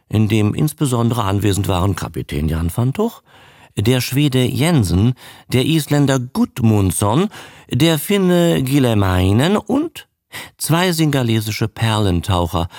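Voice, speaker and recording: Slow, gravelly male radio storyteller. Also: on the low side, no room sound, clean studio sound. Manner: measured, expressive storytelling. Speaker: narrator. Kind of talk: radio audiobook reading.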